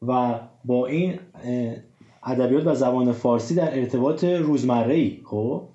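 A man's voice: medium pitch, warm tone. A man hosting a casual discussion, explaining with many examples and hesitant fillers. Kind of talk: casual discussion of Persian writing rules. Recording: roomy, dull lo-fi sound.

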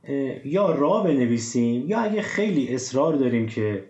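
A very animated man of medium pitch and darkish tone hosts an informal talk on how Persian is written, piling up examples and pausing on fillers. It was captured with a roomy, dull, lo-fi sound.

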